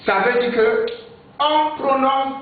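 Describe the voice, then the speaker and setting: A male teacher giving a French lesson, slowly repeating words for dictation and stressing correct pronunciation. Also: very high voice. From Nigeria. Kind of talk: classroom language lesson. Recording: echoey, distant, phone-like lo-fi sound.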